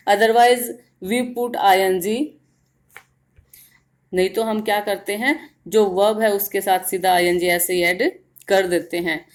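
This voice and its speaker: A woman teaching grammar in Hindi, explaining step by step and repeating words slowly to show their stress. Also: a little high. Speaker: English teacher. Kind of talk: grammar lesson in Hindi with English terms.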